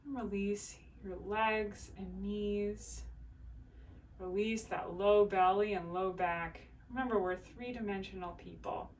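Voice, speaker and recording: Calm, slow-spoken woman voice teacher. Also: mid-range voice, recorded from a distance, a little hiss or hum. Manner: calm, slow, soothing instruction. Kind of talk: guided breathing exercise.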